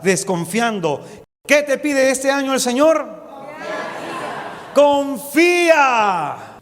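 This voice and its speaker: A man preaching a sermon with fervor, rising to loud exclamations and dropping to soft asides. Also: high-pitched, in a large hall.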